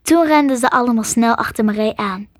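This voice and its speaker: A woman narrates a storybook in a high, light voice, close to the mic with no room sound around her. She reads the narration evenly and pushes her pitch and volume up when the characters speak. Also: brisk, no echo. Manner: lifts her voice higher and louder for excited dialogue. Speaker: audiobook narrator.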